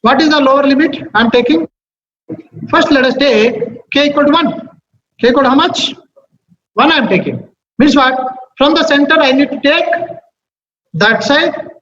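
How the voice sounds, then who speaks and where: Male lecturer, Telugu accent, very high pitch, question-led teaching style, faint noise in a dull recording. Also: moderate pace, long pauses, a bit bright. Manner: repeats himself, checks understanding with short questions. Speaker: statistics teacher. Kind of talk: interactive lecture. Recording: muffled, echoey, noisy room recording.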